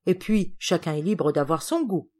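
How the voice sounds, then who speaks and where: A woman's voice: fairly low pitch, lively intonation, normal speed, dark tone. A woman reading the lines of a prim, indignant lady cousin in an audiobook, precise and accusing.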